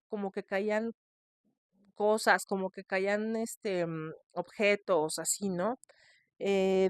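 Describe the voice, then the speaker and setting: A woman hosting a podcast, telling a scary case in a chatty, expressive way. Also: medium pitch, no echo, studio quality. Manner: chatty, expressive, shrieks in mock fright. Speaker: podcast host. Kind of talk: casual storytelling.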